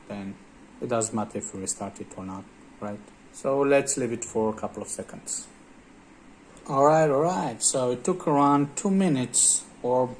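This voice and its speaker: Slow, hesitant man with faint background hum. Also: mid-range voice, rough recording. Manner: hesitant, many filler uhs. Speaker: tech channel host. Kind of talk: casual screen-recorded commentary.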